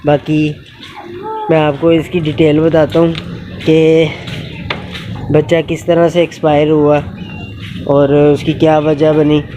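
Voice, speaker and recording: A man in a casual instructional vlog, explaining goat care outdoors in an unhurried way with many pauses and fillers. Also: a little high, monotone, noisy background. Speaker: goat keeper and channel host. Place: outdoors in a yard with animals.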